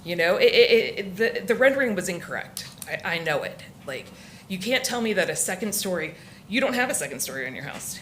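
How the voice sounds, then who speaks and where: A woman's voice: fairly low pitch, big pitch swings, fairly bright tone, slight background noise. Emotional woman speaking at public comment. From Florida. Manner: emotional, halting with many restarts. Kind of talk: public comment at a council meeting.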